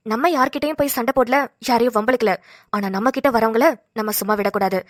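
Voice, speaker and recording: A woman's voice: on the high side, no room sound, studio quality, lightly acted. A woman voicing a bold caring young woman. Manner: firm, encouraging. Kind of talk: cartoon voice acting.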